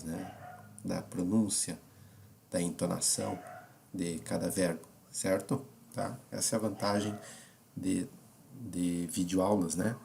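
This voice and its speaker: A man teaching English verbs in a video lesson, speaking slowly and deliberately and checking in often with short filler questions. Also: low voice, gravelly, darkish tone, slight background noise. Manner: slow and deliberate, many filler checks like "tá?" and "certo?". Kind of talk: video lesson, reading verb conjugations.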